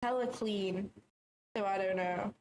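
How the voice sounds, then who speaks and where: A woman running a trading livestream in her small office talks casually, thinks out loud, doubts her own calls and occasionally swears. She has a mid-range, darkish voice and a measured pace, and the rough recording has slight background noise.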